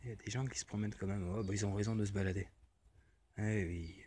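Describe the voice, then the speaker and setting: A man, a paranormal investigator speaking halting, stammering words to spirits outdoors during a ghost hunt. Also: on the low side, fairly even intonation, a little mellow, breathy edge. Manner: halting, stammering, restarts often.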